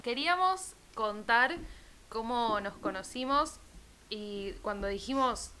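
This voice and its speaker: A woman's voice: on the high side, slow, sharp tone, slight background noise. A woman in her twenties with an Argentine accent, a cheeky podcast co-host who jokes and swears freely among friends. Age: 20s. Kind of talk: casual chat among friends.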